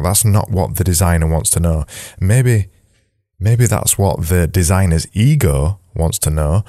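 A man with a very deep, mellow voice hosts his own podcast, sounding a little nasal from a blocked nose. He talks loosely and conversationally, restarting his sentences, in a dry, close recording. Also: no echo. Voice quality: slightly nasal. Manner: rambling, self-correcting, conversational. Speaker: podcast host. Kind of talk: solo podcast talk.

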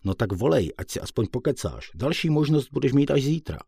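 Man reading as a brisk, helpful fellow patient. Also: mid-range voice, very animated, creaky, warm tone, husky, dry recording, studio quality, pitched above the performer's own voice, full character voice. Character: friendly male fellow patient, chatty helper.

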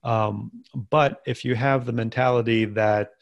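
A man's voice: mid-range voice, steady tone, measured pace, vocal fry, dry recording, dull audio. A man co-hosting a finance podcast, chatting casually with dry sarcastic asides and plenty of ums. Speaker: podcast co-host.

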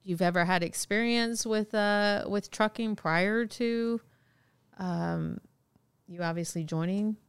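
A woman's voice: medium pitch, slow, clear, resonant tone, dry recording. A woman co-hosting a podcast, teasing playfully and laughing a lot in casual chat. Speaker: podcast co-host.

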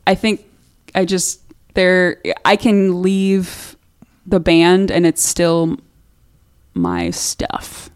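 With a fairly low, clean and expressive voice, this young woman from Minnesota draws out her words. She's a singer-songwriter guesting in a studio interview, chatty, frequently restarting and laughing at her own expense.

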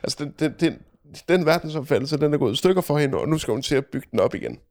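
A man talking casually with a friend, his voice a touch high and full of gravelly fry. He tells the story with dry, joking humor. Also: big pitch swings, a little mellow. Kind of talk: casual chat.

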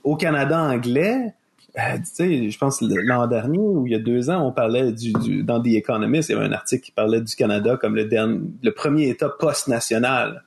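Québécois male host, gravelly, mid pitch, reflective and halting. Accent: Québécois French. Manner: thoughtful, many restarts and fillers. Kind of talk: casual discussion.

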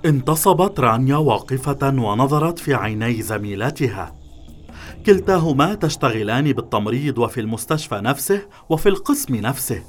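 Male narrator, measured storyteller, mid pitch, soft music bed. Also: expressive.

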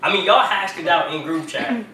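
A man's voice: high voice, expressive, normal speed, pushed and bright, reverberant, recorded from a distance, a little hiss or hum, rough recording. A man co-hosting a podcast in casual banter, joking and laughing often. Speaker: podcast co-host.

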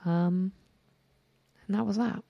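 A woman's voice: medium pitch, fairly even intonation, slow pace, gravelly, no room sound, lo-fi sound. A woman co-hosting a podcast, telling a rambling story in casual chat and swearing freely. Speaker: podcast co-host.

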